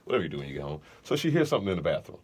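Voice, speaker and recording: A man's voice: low-pitched, very animated, very fast, darkish tone. A man co-hosting a podcast, chatting casually and telling funny stories in a laid-back, joking way. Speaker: podcast co-host. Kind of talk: casual chat.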